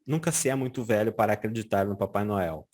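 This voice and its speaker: A Brazilian man teaching German in a casual lesson, often checking in with "tá?" and saying German examples slowly and carefully. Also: lowish voice. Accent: Brazilian Portuguese. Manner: lively, frequent "tá?" check-ins, slow careful German examples. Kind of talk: casual explanatory language lesson.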